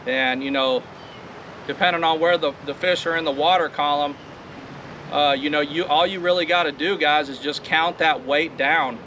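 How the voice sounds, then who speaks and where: A man's voice: a little high, fairly even intonation, moderate pace, sharp tone, recorded from a distance, highs cut off. American man demonstrating outdoors in wind. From northern United States. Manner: laid-back, colloquial, repeats "you know". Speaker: angler demonstrating techniques. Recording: windy outdoor recording with noise.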